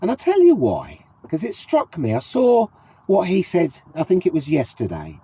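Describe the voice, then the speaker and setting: A middle-aged British vlogger with a cold chats casually to camera, asking his viewers questions in a sniffly voice. His voice is high and mellow yet husky, with huge swings in pitch, and he speaks at a normal speed in a British accent.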